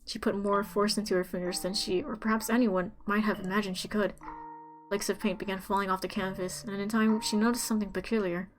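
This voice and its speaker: A woman streamer reading a visual novel's narration aloud in a measured, dramatic way. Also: medium pitch, flat delivery, soft background music.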